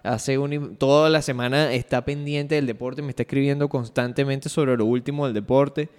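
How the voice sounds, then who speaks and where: A man co-hosting a sports podcast chats in an easygoing, halting way, trailing into fillers and restarts. His voice sits at an ordinary pitch. The recording carries a long, roomy reverb. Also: steady tone, darkish tone, clean tone. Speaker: podcast co-host and editor. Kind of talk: casual chat. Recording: reverberant room.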